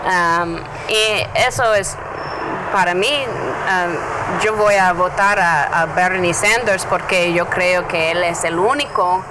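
A woman from the United States, a native English speaker, talks casually in Spanish with an American accent, searching for words as she goes. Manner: halting, searching for words in a second language. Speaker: interview guest, journalist. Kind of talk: casual conversation. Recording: noisy, with traffic rumble behind.

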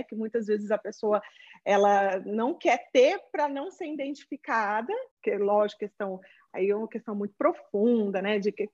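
A Brazilian woman teacher speaks in a fairly high voice, explaining her views in an animated way, with lots of restarts and little acted-out quotes of parents. The sound is dull and lo-fi, like a muffled video-call line. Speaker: Portuguese teacher and children's author. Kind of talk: conversational interview answers. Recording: dull lo-fi audio.

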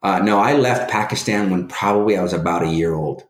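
A man's voice: deep voice, fairly quick, reverberant. A man in his forties, a guest in a casual interview, telling his life story with many restarts and hesitations. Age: 40s.

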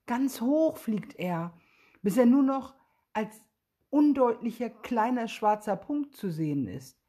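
A woman reading a children's story aloud in a gentle, expressive way, with a husky voice. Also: a little high, takes it slowly.

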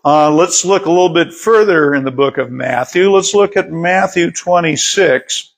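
A man's voice: a little high, normal speed, creaky, slightly rough. A middle-aged male pastor preaching a sermon in a conversational way, often repeating words as he reads and explains scripture.

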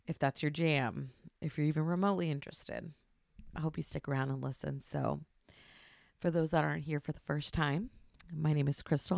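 A woman in her thirties talks on her podcast in a chatty, rambling way, full of fillers and restarts. She keeps her voice hushed at home, with a gravelly edge. The sound is close and dry. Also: low voice, no room sound. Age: 30s. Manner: hushed, trying not to be loud. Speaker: podcast host. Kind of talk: casual solo podcast monologue. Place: home at night.

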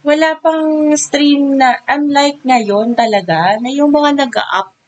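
Excitable young Filipino woman, higher voice. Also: slow pace, dull audio, a little hiss or hum. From Philippines. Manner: excited, gushing, mixes English into Tagalog. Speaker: podcast co-host. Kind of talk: casual chat.

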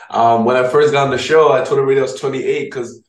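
An energetic young man from Ghana in his twenties, chatting as an interview guest. He talks in lively, slangy bursts at a middle pitch. The room around him is roomy and echoey. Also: quick pace. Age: 20s. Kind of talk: casual interview chat.

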